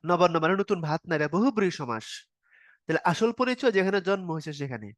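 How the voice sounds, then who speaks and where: A man with a high, sing-song voice runs an online grammar class for exam prep at a quick pace, in a dry recording. His explanations go step by step in a casual spoken style with informal verb forms, and he keeps asking the students questions.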